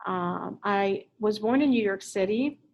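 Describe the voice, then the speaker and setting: A woman's voice: mid-range voice, measured pace, vocal fry, lo-fi sound. Woman, 50s, from Puerto Rico, Spanish teacher, chatty introduction with fillers, classroom, laptop mic. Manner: chatty, warm-hearted rambling with fillers. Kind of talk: recorded introduction to parents.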